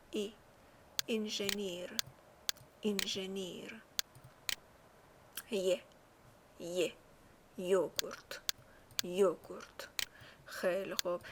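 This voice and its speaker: Woman language teacher, patient and slow, says each word twice, faint hiss behind. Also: fairly low pitch, a bit bright. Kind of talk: spoken lesson.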